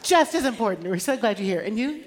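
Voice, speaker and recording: A woman's voice: mid-range voice, lively intonation, fast talker. An American woman pastor welcoming her congregation with playful off-the-cuff crowd banter, chatting back and forth with audience members. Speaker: pastor leading a church service. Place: large church sanctuary, amplified from the front. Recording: echoey hall reverb, faint noise.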